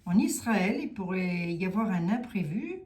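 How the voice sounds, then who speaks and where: A woman's voice: medium pitch, big pitch swings, normal speed, darkish tone, roomy sound. A woman with a Lorraine French accent doing a casual tarot reading, musing aloud and hesitating with many fillers. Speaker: tarot reader.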